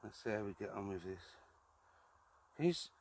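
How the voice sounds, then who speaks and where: A man chatting casually as a paranormal investigator on a live stream out in the woods, a little jittery and quick to exclaim. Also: lowish voice, animated, darkish tone. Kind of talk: casual live ghost-hunt chat. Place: outdoors in woods at night. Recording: faint noise, handheld live stream outdoors.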